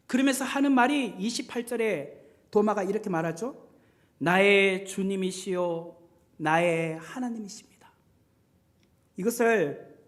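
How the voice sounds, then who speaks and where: A male pastor delivering a sermon in a church, his voice sitting high and swinging widely in pitch. He preaches in a gentle, conversational way, asking the congregation questions. He acts out quoted lines, dropping to a hush or rising to a loud cry. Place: church sanctuary.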